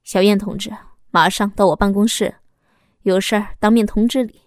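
A woman voicing a stern middle-aged male bureau chief with a smooth, falsely polite official tone. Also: medium pitch, fairly even intonation, moderate pace, dark tone, dry recording, clean studio sound, natural voice.

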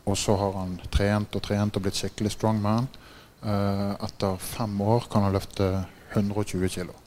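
A man with a lowish voice delivers a sermon, full of stories and little laughs. He keeps turning to his listeners with "right?" and rises in volume when the tale heats up. A faint hum of room ambience stays behind him. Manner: laughs often while telling stories; gets louder and higher in excited passages. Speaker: preacher. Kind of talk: sermon with animated storytelling.

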